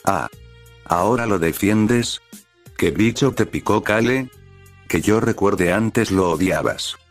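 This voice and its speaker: Man voicing a fiery protective older sister, low, dry, faint music under. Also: takes it slowly. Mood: angry. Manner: angry, shouting, scolding. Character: hot-tempered protective older sister, brash woman.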